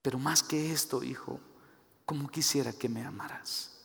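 A preacher voicing God as a loving, grieved father, in soft, pleading tones. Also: fairly high pitch, unhurried. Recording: echoey hall.

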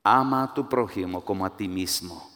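A man from Guatemala delivers a sermon in a Guatemalan Spanish accent, his low voice carrying through a big-room sound at a normal pace. Weaving in personal stories, he climbs to emphatic peaks and performs the voices of those he quotes.

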